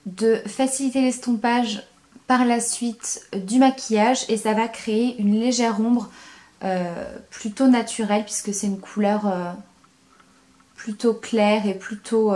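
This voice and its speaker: A young woman talking through a makeup tutorial, enthusiastic, repeating words for emphasis and pausing with frequent hesitations. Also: on the high side, warm tone. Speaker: beauty vlogger.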